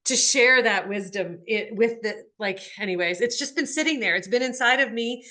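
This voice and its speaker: A woman's voice: a little high, normal speed, pushed and bright. A woman hosting a spiritual podcast, talking earnestly about soul, energy and healing. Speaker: podcast host.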